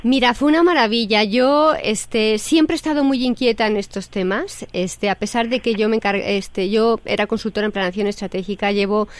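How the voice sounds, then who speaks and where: A woman guest and regional representative telling her story in a radio studio, pausing on fillers. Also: medium pitch, dry recording.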